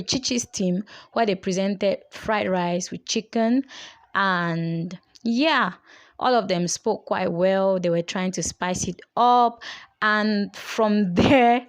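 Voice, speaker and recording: Young woman, chatty and opinionated recap host, talks off the cuff with ums and restarts. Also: medium pitch. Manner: chatty and opinionated, thinking aloud with fillers. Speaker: reality show commentator. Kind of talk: casual chat.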